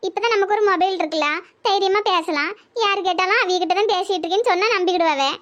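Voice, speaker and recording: Woman doing a high, teasing young Tirunelveli village girl. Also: quick pace, a bit bright, dull audio. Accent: Tirunelveli Tamil. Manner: teasing, chatty.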